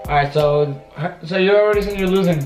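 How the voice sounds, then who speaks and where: A man's voice: sits high, fairly quick, a little mellow. A man hosting a challenge vlog with casual, goading banter. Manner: cocky, goading. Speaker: host of an eating challenge video. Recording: echoey room with music.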